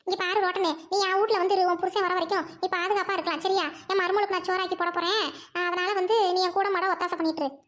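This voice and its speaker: A woman's voice: extremely high pitch, fairly even intonation, quick pace, a bit bright. A woman playing a commanding village woman in a comedy skit, scolding and protective. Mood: reassuring. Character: commanding village woman, sharp-tongued elder sister.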